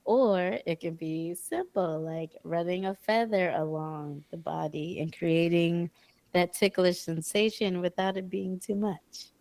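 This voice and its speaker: A woman's voice: fairly low pitch, measured pace, creaky, darkish tone, dry recording. A woman co-hosting a podcast in casual chat, playful and giggly. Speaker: podcast co-host.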